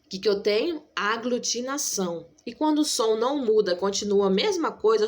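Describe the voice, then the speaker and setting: A woman teacher walks through a grammar lesson in an even, patient way. She keeps checking that her listeners follow, and she draws out each example word slowly so it sinks in. Her voice sits at a middle pitch for a woman. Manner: patient, repeats key points with frequent "tá?" check-ins; stretches out example words slowly for emphasis. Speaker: school teacher. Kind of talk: recorded online grammar lesson.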